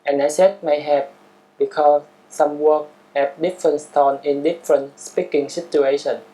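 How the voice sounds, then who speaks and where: Slow, mellow-voiced man teaching a language. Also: a little high, little pitch movement, low-quality recording. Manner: careful, measured explanation. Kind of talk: scripted lesson narration.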